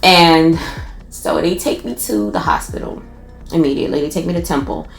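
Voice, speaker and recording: A woman from Philadelphia with a Philadelphia accent, telling a personal story in a casual, animated way, with many restarts. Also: deep voice, normal speed, creaky, echoey room, soft background music.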